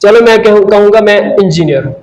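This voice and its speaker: A man's voice: high voice, animated, quick pace, a little mellow, reverberant, poor audio. A man teaching Arabic grammar in a classroom lesson, who keeps asking and answering his own questions and repeating key terms. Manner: mixes Hindi-Urdu with English terms.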